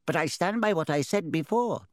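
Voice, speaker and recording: Talking hat put on by a male narrator, small, smart, knowing, higher pitch, storybook. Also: animated, normal speed, dry recording, studio quality, natural voice. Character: small-voiced sharp old magic hat.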